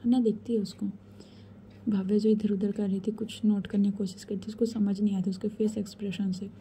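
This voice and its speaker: Soft-whispering woman storyteller. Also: mid-range voice, level tone, brisk, slight background noise. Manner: soft, intimate, conversational.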